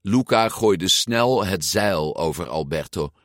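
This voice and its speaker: Slow, expressive male storybook narrator. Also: low voice, no room sound, clean studio sound. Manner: slow, expressive, lively intonation. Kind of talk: storybook read-aloud narration.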